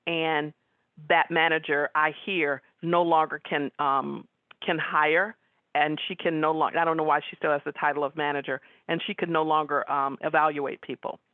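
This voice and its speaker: A woman giving a webinar talk as guest speaker, chatting with the audience and pausing on fillers. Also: deep voice, steady tone, no echo. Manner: conversational, frequent fillers. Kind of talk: webinar presentation with audience questions. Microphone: video call. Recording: tinny phone-like line.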